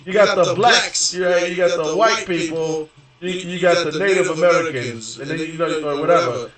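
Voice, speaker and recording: A young man from Houston, Texas, a gaming streamer, rambles through a long story in profane, casual talk full of fillers and restarts. His voice is fairly high, a bit bright, and moves at a normal speed. He sounds distant from the mic in a very echoey room.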